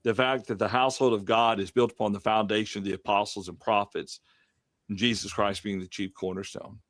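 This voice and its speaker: A man's voice: fairly low pitch, little pitch movement, a little fast, fairly bright tone, no room sound, studio quality. A man hosting a casual online Bible study discussion over a video call, rambling with many fillers. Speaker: host running the online study.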